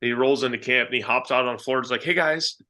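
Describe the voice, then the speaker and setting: A man, a hunter and filmmaker, telling a story as a podcast guest in an earnest, animated way with many fillers. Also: medium pitch, very fast. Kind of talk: reflective storytelling.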